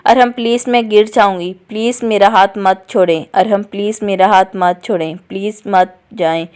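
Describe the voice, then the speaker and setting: A woman voicing a soft, pleading young wife. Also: mid-range voice, steady tone, normal speed, smooth, natural voice.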